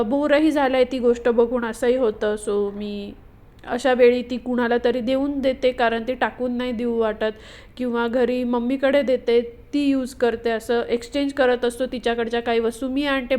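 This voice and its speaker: Brief: woman vlogger, slightly high voice, casual chatty voice-over full of little fillers. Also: darkish tone. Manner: chatty, explaining home routines with many fillers. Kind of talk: casual voice-over vlog narration.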